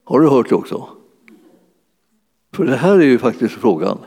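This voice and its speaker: A man's voice: medium pitch, very animated, mellow, husky. A man preaching a sermon in a church hall, in a conversational way that keeps searching for words with many fillers. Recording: long hall reverb.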